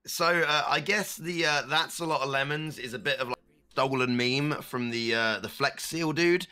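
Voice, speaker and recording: On a podcast, a guest who streams chats in a relaxed way at medium pitch and moderate pace. He has a stutter and now and then erupts into loud meme voices.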